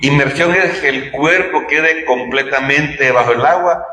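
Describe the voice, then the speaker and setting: A man's voice: mid-range voice, a little slow, pushed and bright, slight background noise. A man preaching a sermon in a church, talking conversationally and asking his listeners rhetorical questions. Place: church hall. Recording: echoey church hall.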